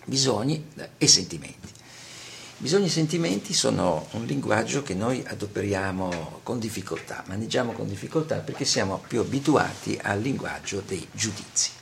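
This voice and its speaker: Gravelly, lively-pitched male lecturer. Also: slight background noise. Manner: measured, with frequent pauses and "eh" fillers. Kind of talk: spoken lecture.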